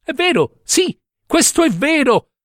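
Brief: man playing a shy, fumbling husband, raised pitch, hesitant and placating, dry recording. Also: wildly swooping pitch, unhurried, a bit bright, husky, no room sound, full character voice. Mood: timid. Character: timid, awkward middle-aged husband.

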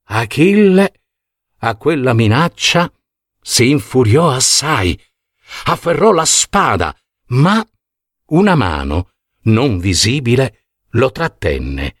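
A man narrating an epic tale as a storyteller, with a dramatic, expressive reading. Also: medium pitch, takes it slowly, pauses often, no room sound, studio quality.

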